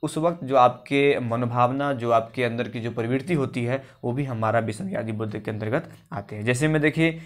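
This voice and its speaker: A man's voice: medium pitch, normal speed, few pauses. A male teacher giving a grammar lesson for exam preparation. He explains step by step, often asks a question and then answers it himself. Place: coaching class recording.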